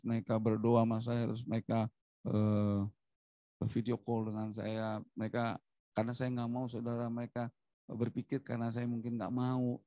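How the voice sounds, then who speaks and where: A middle-aged Indonesian man, an evangelist preaching a sermon, who tells a personal testimony in an animated way and keeps addressing the congregation. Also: medium pitch, vocal fry, no room sound.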